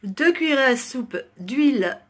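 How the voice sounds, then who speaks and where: Woman, fairly high pitch, chatty, joking, home kitchen, clinking dishes. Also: lively intonation, a little slow, a bit bright. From southwest France. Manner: chatty, joking, talks while stirring. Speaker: home cooking video host. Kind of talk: chatty cooking demonstration.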